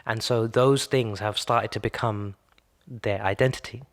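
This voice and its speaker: Slightly slow and steady, with a fairly low-pitched voice, a British man in his thirties co-hosts a podcast. His casual talk is reflective: he works through ideas aloud, full of fillers and restarted sentences.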